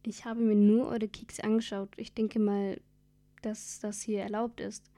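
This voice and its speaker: A skeptical, brisk actress fresh from the stage, as a woman reads her. The voice is mellow and fairly even in pitch. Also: lightly acted.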